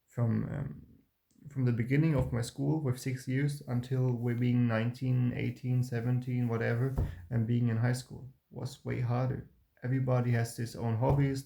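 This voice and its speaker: A man's voice: medium pitch, gravelly, mellow. A young man talking through his past in a rambling, hesitant monologue, restarting often. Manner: rambling and hesitant, with many restarts and broken grammar. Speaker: vlogger. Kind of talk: personal reflective monologue. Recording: roomy echo.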